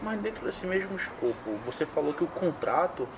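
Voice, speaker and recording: A man's voice: sits high, expressive, brisk, background noise. A man, hosting an interview and probing with questions laid out step by step. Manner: probing, lays out cases step by step.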